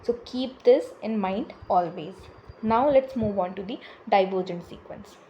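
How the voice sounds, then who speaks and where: A woman teaching a maths lesson, switching between Hindi and English and explaining step by step with pauses and fillers. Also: mid-range voice, dark tone, slight background noise.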